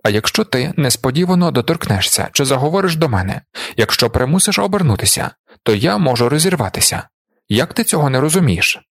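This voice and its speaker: A man reading the part of a gruff, hoarse older miner who is blunt and impatient. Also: medium pitch, very animated, a little fast, dry recording, studio quality, voice pushed up. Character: gruff hard-working older male miner.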